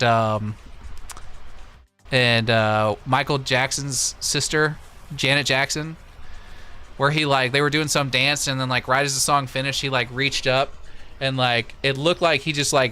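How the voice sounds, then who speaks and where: The voice is a man's, mid-range, bright and forceful, clear and resonant. He's an American livestream host from Missouri, casually offering opinions as he replies to viewers on a close desktop USB microphone.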